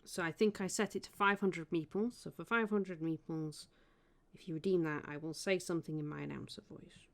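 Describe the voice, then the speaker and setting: A woman's voice: on the low side, steady tone, fairly quick. A woman streaming as she paints miniatures, chatting casually and thinking aloud about her work. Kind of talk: casual live-stream chat.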